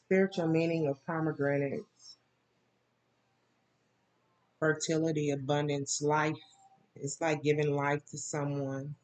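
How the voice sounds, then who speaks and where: A tarot reader gives a casual reading in a darkish voice with little pitch movement, keeping a measured pace broken by long pauses. Her talk rambles loosely with plenty of fillers, and she bursts into laughter and high-pitched mimicry.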